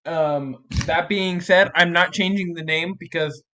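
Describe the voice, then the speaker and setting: A man's voice: a little high, steady tone, measured pace, a crowd in the background. A man running a tabletop game as game master on a livestream, thinking aloud with many restarts.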